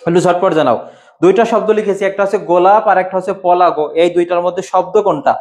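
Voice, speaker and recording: A man's voice: high-pitched, quick pace, darkish tone. A young man teaching an exam-prep lesson as a Bengali lecturer. He quizzes his students, repeats each answer and waits for their replies.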